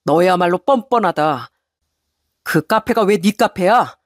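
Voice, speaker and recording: A woman voicing a resolute husband who answers his wife in a cold, measured, firm tone. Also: fairly low pitch, animated, no echo, clean studio sound. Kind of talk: story radio reading.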